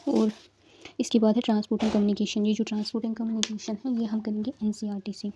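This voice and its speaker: A woman's voice: mid-range voice, flat delivery, fast talker, noisy background. A young woman tutoring exam candidates in a casual study-guidance talk, explaining step by step with frequent fillers and check-ins.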